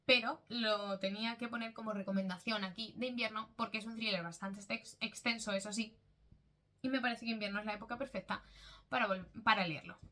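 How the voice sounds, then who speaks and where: A woman's voice: mid-range voice, steady tone, a little fast, bright, forceful tone. A woman with a Spanish accent from Spain, chatting casually as a book vlogger, full of fillers and self-corrections.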